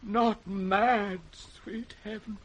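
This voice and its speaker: Slow-spoken, wounded old British king. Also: high-pitched, fairly even intonation, a bit bright, muffled recording, heavily acted. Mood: anguished, fearful. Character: old King Lear, wounded, wrathful, fearing madness. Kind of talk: 1960s British radio Shakespeare acting. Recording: noisy vintage 1960s radio recording.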